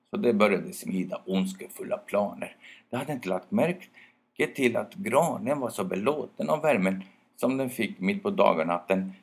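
Gravelly man reading a children's story. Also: on the low side. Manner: expressive, with small hesitations.

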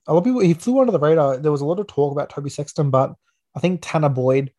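A man's voice: on the high side, expressive, rapid-fire, warm tone. An Australian man hosting a casual sports review podcast, talking like a laid-back, matey everyday bloke. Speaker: podcast host.

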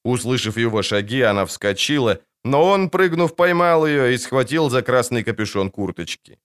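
A man narrating an audiobook with vivid, dramatic delivery. His voice sits at a middle pitch and moves through a wide, expressive melody. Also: moderate pace, smooth.

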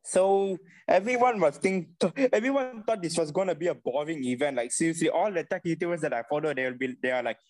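A man's voice: a little high, brisk, hardly any pauses. A young man, co-hosting a casual podcast chat, laughing often and mixing in Malay words. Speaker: podcast co-host.

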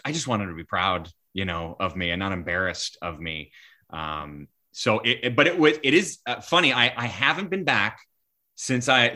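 A man in his forties, a sports broadcaster, telling stories in a podcast interview, animated and full of restarts. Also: on the low side. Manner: animated, acts out quoted voices, many restarts.

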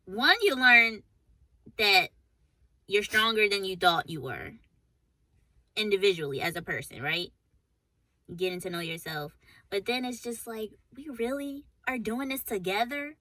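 A woman co-hosts a casual podcast in a bright, crisp voice, chiming in with quick agreement and reflecting thoughtfully on relationships. The recording is dry, with no room echo. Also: mid-range voice. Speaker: podcast co-host.

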